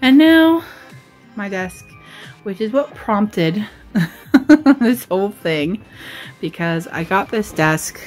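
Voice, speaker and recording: A woman's voice: mid-range voice, lively intonation, slow pace, pauses often, faint music behind. A woman from Australia giving a casual, chatty show-and-tell as a vlogger, rambling in a giggly, self-deprecating way. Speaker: vlogger and writer giving a desk tour.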